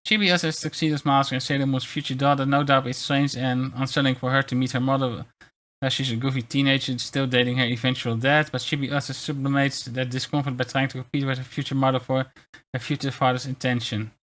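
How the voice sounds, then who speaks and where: A man gives casual livestream commentary in a mid-pitched, bright voice. He rambles along as he reads aloud and reacts, often stumbling over words and restarting. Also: flat delivery, quick pace. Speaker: VTuber streamer.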